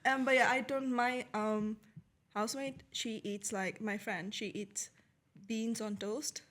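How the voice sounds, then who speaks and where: A young woman from Nepal talks in a relaxed podcast chat, her voice sitting a little high. She fills her sentences with "like" and "um" and laughs easily. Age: young adult. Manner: chatty, many "like" and "um" fillers, quick to laugh. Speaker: guest, international law student.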